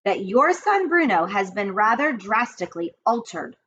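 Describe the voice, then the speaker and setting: A woman's voice: medium pitch, big pitch swings, normal speed, a bit bright. A woman voicing a patient, firm grandmother over sixty. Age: older. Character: calm determined grandmother. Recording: dull lo-fi with faint hiss.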